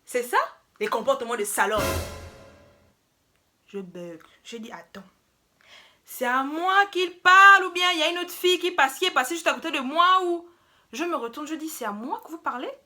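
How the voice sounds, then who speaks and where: A young woman telling a story in a casual, animated, slangy way. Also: high-pitched, normal speed, long pauses, soft background music. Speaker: vlogger.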